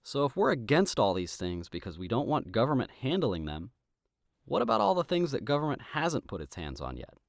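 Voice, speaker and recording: A man reads a scripted argumentative essay as a political commentator. His pitch is mid-range but moves expressively as he stresses rhetorical points emphatically. The recording is close and dry. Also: huge pitch swings, fairly quick, gravelly, dry recording.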